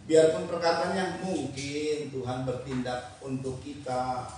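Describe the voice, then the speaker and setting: A man who is a pastor preaching a sermon, animated and calling out responses as scripture is read. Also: medium pitch, unhurried. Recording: echoey hall from far off, faint noise.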